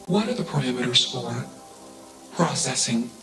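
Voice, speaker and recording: A man voicing an emotionless, coldly logical machine intelligence in a video game, speaking in flat, clipped statements that each begin with a label. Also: mid-range voice, moderate pace, vocal fry. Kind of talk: video game cutscene voice acting. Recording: echoey game audio over music.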